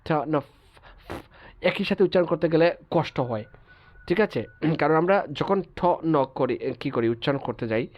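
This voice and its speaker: A man teaching English pronunciation in a class lecture, patiently repeating example words slowly and checking that students follow. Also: a little high, lively intonation, lo-fi sound.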